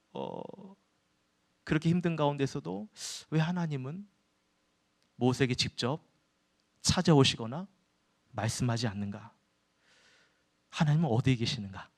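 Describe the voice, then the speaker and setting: A man preaching a sermon in a church, often turning to his listeners with questions and answering them himself. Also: on the high side. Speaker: pastor.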